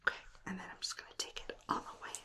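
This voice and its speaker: A woman doing an ASMR whispered role-play in a soothing, unhurried, breathy whisper, murmuring close to the microphone. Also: bright, forceful tone. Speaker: ASMR performer. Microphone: close ear-to-ear stereo microphone.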